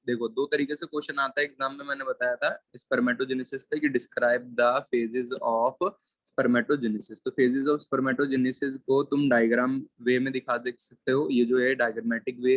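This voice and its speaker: Male biology teacher, classroom lecture, slow dictation, repeats terms, dry sound. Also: mid-range voice, no room sound. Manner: mixes English terms into Hindi explanation. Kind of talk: classroom lecture with board writing.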